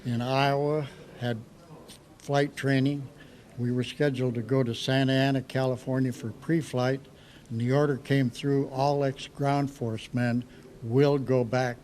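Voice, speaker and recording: An American man in his eighties, an old war veteran remembering his service in a halting, reflective interview. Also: medium pitch, a little mellow. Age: 80s. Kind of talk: recounting war memories in an interview.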